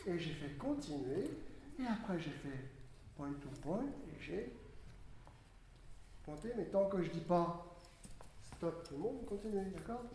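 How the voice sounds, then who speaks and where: A music teacher leading a group with hand signs, coaxing and animated, giving quick instructions. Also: medium pitch. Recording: very echoey room with steady background noise.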